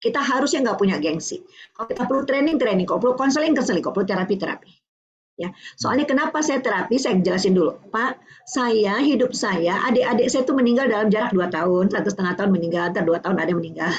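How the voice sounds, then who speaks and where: An older woman from Indonesia giving a lively parenting talk, acting out dialogues between a parent and a child. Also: medium pitch, fast, dull audio. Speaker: parenting speaker.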